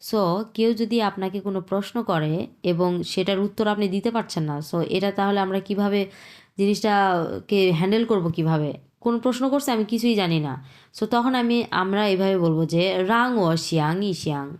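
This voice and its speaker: A woman teaching Chinese in an online lesson, patiently repeating phrases slowly and then explaining them. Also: medium pitch, darkish tone.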